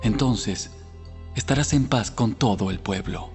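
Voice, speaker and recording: A cold, scheming royal counselor in a Bible audio drama. He lays out advice in a measured, calculating way, in a low male voice under prominent music. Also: vocal fry, a little mellow.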